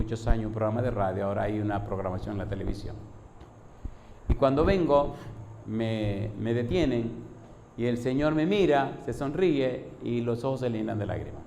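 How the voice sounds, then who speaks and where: A man's voice: medium pitch, warm tone, slight background noise. A pastor preaching a sermon, telling stories and voicing the people in them, and quizzing his congregation with call-and-response questions. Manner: storytelling preacher, voices people in his anecdotes. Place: church hall. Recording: echoey hall.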